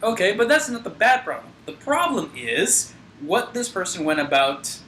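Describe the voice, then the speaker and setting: A man's voice: sits high, big pitch swings, moderate pace, bright, forceful tone, roomy sound, a little hiss or hum. A man co-hosting a podcast, reading gaming news in a mock newscaster delivery. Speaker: podcast co-host. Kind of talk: casual podcast chat.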